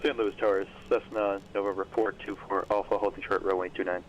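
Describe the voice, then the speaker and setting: A man making quick, clipped radio calls as a pilot, heard through a cockpit radio headset. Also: sits low, little pitch movement, slight background noise. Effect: pilot's voice over a cockpit radio headset. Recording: dull lo-fi radio transmission.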